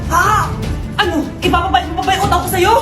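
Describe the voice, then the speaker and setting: Very high-pitched, melodramatic cartoonish skit characters. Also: female voice, steady tone, quick pace. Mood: indignant. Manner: melodramatic, exclaiming. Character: excitable high-voiced characters in family squabble skits. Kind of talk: exaggerated comedy skit dubbing. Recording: echoey, music behind the voice.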